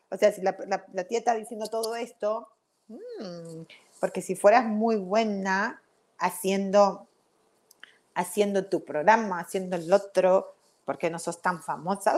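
A woman giving a self-help talk to camera in an animated, chatty way that keeps checking in with the listener. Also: mid-range voice.

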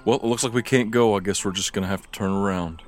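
A man's voice: fairly low pitch, quick pace, faint music behind. A man talking casually as a player in a tabletop role-playing game. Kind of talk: casual chat.

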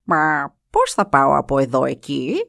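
A woman's voice: very deep voice, lively intonation, gravelly, fairly bright tone, no room sound, clean studio sound, voice pushed down, heavily acted. A woman doing a proud old wind eagle. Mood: calm. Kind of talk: storytelling.

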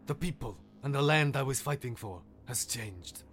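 Guy doing a brave lion thats unsure of itself, slow n thoughtful. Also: medium pitch, animated, fairly bright tone, a little hiss or hum, close to an everyday voice. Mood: reflective. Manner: thoughtful, hesitant. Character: loyal, brave lion troubled by doubt.

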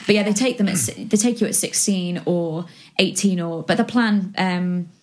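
A woman's voice: lowish voice, normal speed. A woman in her twenties from West Yorkshire, chatting casually as a guest, rambling with lots of ums and likes. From West Yorkshire, England. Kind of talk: casual chat.

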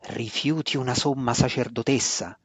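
A man reading an audiobook, voicing a stern, proud dark elf high priestess who speaks with cold, scornful authority. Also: steady tone, normal speed, husky, no room sound, natural voice. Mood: commanding.

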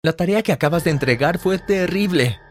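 A man's voice: sits high, animated, fairly quick, pitched above the performer's own voice. Man putting on a stern schoolteacher woman. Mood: scolding. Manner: stern and scolding. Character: strict female schoolteacher, harsh and demanding.

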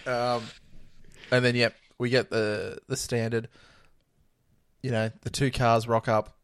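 A man's voice: medium pitch, level tone, takes it slowly, clean tone. A man co-hosting a podcast, making wry, sarcastic asides in casual chat about a reality show. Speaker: podcast co-host.

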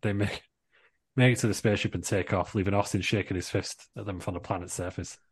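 A man's voice: low-pitched, steady tone, fast, breathy edge. A man narrating a comic amateur play from a script, reading out stage directions as co-host.

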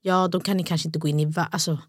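A woman's voice: sits low, fairly even intonation, slightly rough, no echo, studio quality. A woman co-hosting a podcast in casual chat, listening supportively and chiming in with agreement. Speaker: podcast co-host.

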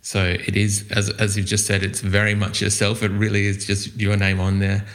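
A man's voice: fairly low pitch, monotone, normal speed, a bit bright. An Australian man hosting a music podcast, chatting casually with fillers and restarts. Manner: friendly, hesitant with fillers and restarts. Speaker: podcast host. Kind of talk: casual interview chat.

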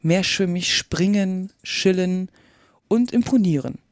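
A reader voicing a sad, sighing mock turtle, speaking slowly and plaintively in a storybook reading. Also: medium pitch, no room sound, clean studio sound. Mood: mournful. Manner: slow, drawn-out, plaintive. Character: mournful sighing mock turtle from a fairy tale. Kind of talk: reading a children's classic aloud.

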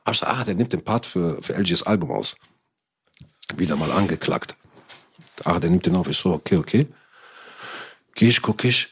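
A husky, low-voiced man tells a story in casual chat, speaking at a moderate pace with long pauses. His slangy, animated delivery includes acting out what other people said and swearing he isn't lying.

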